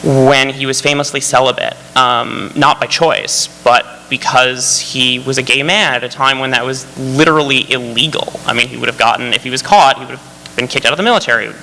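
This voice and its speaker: Bright-voiced male screenwriter on a panel. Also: mid-range voice, fairly quick, vocal fry. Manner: eager, rambling, full of fillers and restarts. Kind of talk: panel discussion. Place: festival panel hall. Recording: hall reverb, faint hum.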